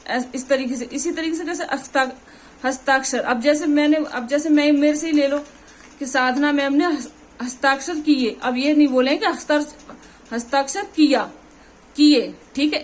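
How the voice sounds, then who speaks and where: A woman with a Hindi accent from Uttar Pradesh gives an exam-prep grammar lesson. Her voice sits high, and she teaches patiently, repeating her points and checking in with the students. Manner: explains with examples, repeats "ठीक है" often.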